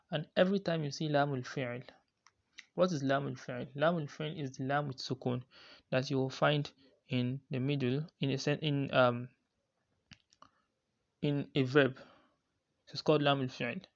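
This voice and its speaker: A man with a gravelly edge to his voice explains recitation rules as a teacher. He often halts and restarts his sentences while he searches for words. The recording is dull and lo-fi. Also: fairly high pitch. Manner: halting, repeats and restarts, drawn-out Arabic recitation terms. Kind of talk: religious lesson explaining a poem.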